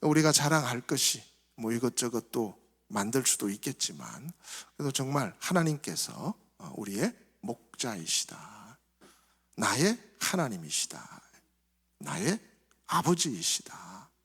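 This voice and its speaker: A male pastor giving a sermon in a reflective, soft-spoken way, his phrases trailing off quieter. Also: mid-range voice, very animated, a little slow, husky. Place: church sanctuary. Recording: reverberant church hall.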